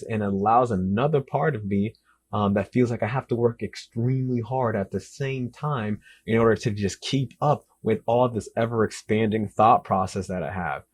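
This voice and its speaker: A young male writer from the Dominican Republic and the US Northeast and South responds to interview questions with a low, husky, darkish voice. His manner is relaxed and excited, with many repetitions and lots of "literally" and "like."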